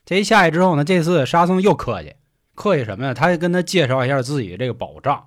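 A man's voice: fairly high pitch, sing-song, fast. A man retelling an old tale in casual chat, crude and joking.

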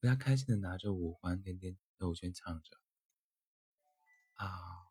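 A man narrating a gentle bedtime-style story in a soft, tender manner. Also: low-pitched, brisk, husky, no room sound. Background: faint music.

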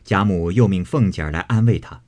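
A man narrating a classic novel as an audiobook in an expressive storytelling manner. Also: low voice, a little fast.

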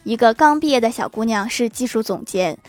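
Female comic narrator, a bit high, dead-dry studio sound, wry asides after each joke. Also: animated, fairly quick, no echo. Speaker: narrator of funny anecdotes. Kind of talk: reading funny anecdotes aloud.

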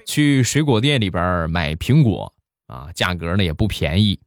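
Lively low-voiced male comic storyteller. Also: moderate pace, no room sound. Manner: animated, colloquial northern-style banter with many 啊 fillers. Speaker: comedic storyteller. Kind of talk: humorous anecdote telling. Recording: dry close mic with faint background music.

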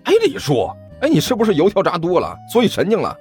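A man's voice: huge pitch swings, brisk, a little mellow, husky, soft background music, exaggerated voice. A man voicing a cheeky, chubby young man who sounds exasperated and whiny. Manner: whiny, exasperated, high-pitched.

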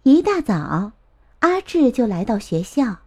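A woman narrating a children's storybook in a gentle, expressive way. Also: on the high side, measured pace, breathy edge.

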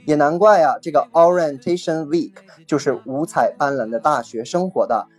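A vocabulary teacher giving a recorded lesson, patiently explaining, repeating each key word twice and spelling it out slowly letter by letter. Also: mid-range voice, a little mellow, breathy edge, faint music behind. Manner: spells words letter by letter, slow and deliberate.

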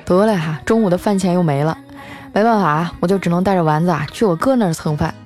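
A woman host telling a funny story in a lively, chatty way, dropping in many little filler particles. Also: fairly low pitch, quick pace, soft background music. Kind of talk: comic storytelling.

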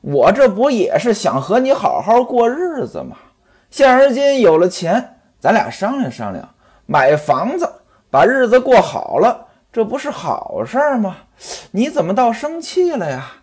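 A man's voice: high-pitched, huge pitch swings, unhurried, a little mellow, breathy edge, voice pushed up, full character voice. A man voicing a coaxing, wheedling wife. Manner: wheedling and aggrieved.

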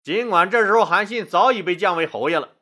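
A man telling history stories as host of an audio show, lively and colloquial with asides. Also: high-pitched, quick pace. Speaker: storyteller host. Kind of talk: history storytelling.

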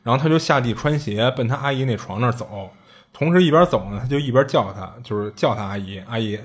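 A storyteller with a husky, slightly breathy, medium-pitched voice relates a spooky anecdote fast and in a relaxed, conversational way. His casual retelling of this strange tale is chatty and colloquial, full of restarts, asides and doubling back on his words.

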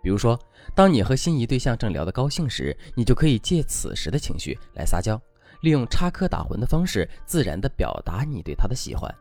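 A man's voice: mid-range voice, very animated, brisk, darkish tone, no echo, faint music behind. A man giving dating advice as a scripted, instructive lesson.

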